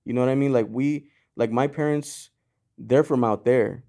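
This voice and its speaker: With a mid-range voice and a dark tone, this man speaks at normal speed. He's a Mexican-born clothing brand founder guesting on a podcast, chatting in a loose, rambling manner full of fillers such as "you know" and "like" and repeated restarts.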